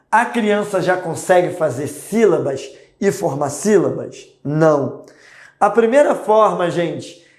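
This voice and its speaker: A man's voice: high-pitched, a little mellow. A man with a Brazilian Portuguese accent teaching an online class, explaining step by step and often checking in with his students. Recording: echoey room.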